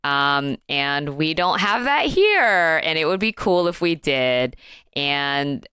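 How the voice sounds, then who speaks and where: A woman's voice: low-pitched, very animated, takes it slowly, sharp tone, smooth, dry recording. A woman co-hosting a casual podcast chat, wry and offhand, often laughing between points. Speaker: podcast co-host.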